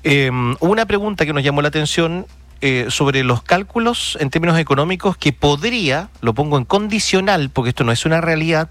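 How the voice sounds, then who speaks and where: A man's voice: fairly high pitch, a bit bright, dry recording. A man hosting radio news, commenting emphatically with rhetorical questions and fillers.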